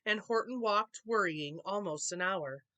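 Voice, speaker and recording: A woman's voice: mid-range voice, unhurried, sharp tone, no room sound. A woman storyteller reading a children's picture book aloud expressively.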